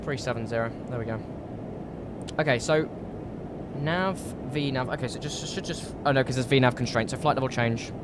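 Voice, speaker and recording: British male streamer, a little croaky with a cold, chatty and informal over clear rumbling background noise. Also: brisk. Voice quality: slightly croaky. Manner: chatty, informal, thinking aloud. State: recovering from a cold. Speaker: live streamer. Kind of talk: casual live stream chat while flight simming.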